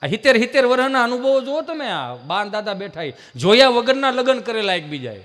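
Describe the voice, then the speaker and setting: High-voiced man telling jokes. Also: brisk. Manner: animated, acts out family characters. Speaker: stand-up folk comedian. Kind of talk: live folk comedy storytelling. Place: live stage event with audience.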